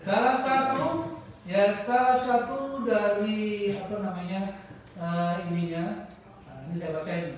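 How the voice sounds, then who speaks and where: A man giving an informal religious study talk in a mosque hall, often pausing to search for words and acting out the people in his stories. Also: sits high, distant mic, slight background noise. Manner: halting, searches for words mid-sentence; animated storytelling with acted-out quotes. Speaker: religious teacher. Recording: very echoey mosque hall, heard from afar.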